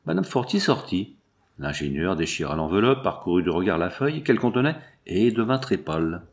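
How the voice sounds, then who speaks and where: A man narrating a classic novel as a scripted audiobook, in a measured, expressive storytelling manner. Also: low-pitched.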